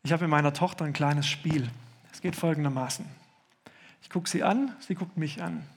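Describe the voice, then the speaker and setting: A man with a high voice delivers an earnest sermon to a church congregation. He slows right down to lean on his key phrases. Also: breathy edge. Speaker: pastor. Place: church service.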